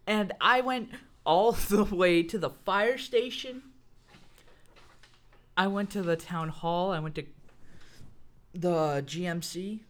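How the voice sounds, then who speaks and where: Bright-voiced young speaker telling a story. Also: mid-range voice, slow pace, long pauses. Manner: animated, mock-angry retelling. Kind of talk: casual storytelling.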